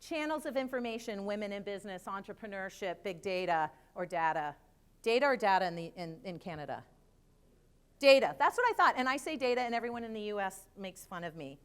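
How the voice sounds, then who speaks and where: A middle-aged woman giving a live conference talk, lively and chatty with joking asides. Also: mid-range voice, fast, few pauses, clear, resonant tone. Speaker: conference speaker. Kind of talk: live presentation to an audience.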